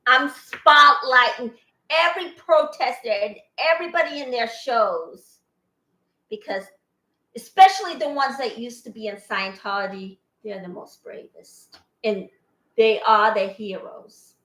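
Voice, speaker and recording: Chatting loosely in her home kitchen, this cooking channel host laughs a lot as she rambles through her vlog. Born in Boston to Armenian parents, the older woman speaks a little slowly in a fairly high, pushed, bright voice, and the room is echoey.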